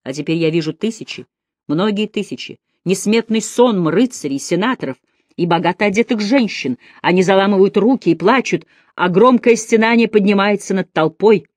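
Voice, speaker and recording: A woman's voice: mid-range voice, animated, moderate pace, darkish tone, dry recording, clean studio sound, lightly acted. A woman reading a frantic older male goldsmith who cries out in dread at his visions. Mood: awed.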